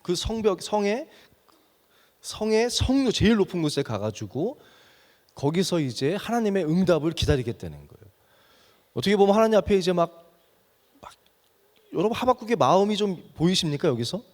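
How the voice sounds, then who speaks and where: Male pastor, sermon delivery, acts out anguished pleas; higher voice, echoing sanctuary. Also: normal speed, pauses often. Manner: animated preaching, acting out anguished prayers to God. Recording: long hall reverb.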